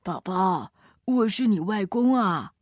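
Old grandfather, cheerful, mellow tone, woman reading. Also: medium pitch, animated, slow pace, dry recording, studio quality.

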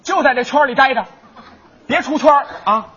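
A man's voice: very high voice, moderate pace, bright, forceful tone. A man, performing comic crosstalk as the joke-teller, teasing his partner in a mock-concerned tone. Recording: dull lo-fi recording.

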